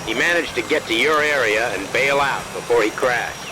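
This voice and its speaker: A man's voice: medium pitch, moderate pace. An actor playing a male base radio operator in a war game, heard over a military field radio with clipped, formal radio procedure. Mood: steady. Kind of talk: war game cutscene dialogue. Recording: loud static over a radio link.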